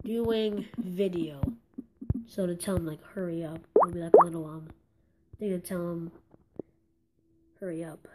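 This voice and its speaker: A woman's voice: on the low side, measured pace, long pauses, a little mellow, a little hiss or hum. A young woman giving casual commentary over a mobile game, exclaiming in frustration and rambling with many restarts. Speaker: gaming channel host.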